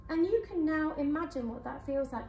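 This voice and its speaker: A woman hypnotherapist leading a guided hypnosis session for a live audience in a conference room, speaking in slow soothing suggestions. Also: high voice, expressive, darkish tone, slight background noise. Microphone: far camera. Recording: echoey room from far off.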